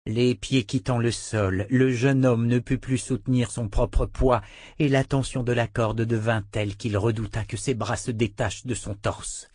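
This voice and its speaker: A man's voice: fairly even intonation, unhurried, a little mellow, no room sound, studio quality. A man narrating an audiobook, reading every part himself and lifting his voice for the women. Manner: reads all parts, lifting pitch for the women's lines.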